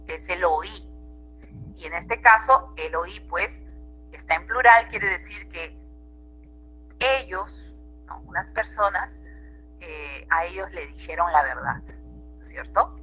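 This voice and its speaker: A woman's voice: medium pitch, bright, forceful tone, low-quality recording. A woman teacher with a Peruvian Spanish accent, giving an online grammar class and checking in with her students often.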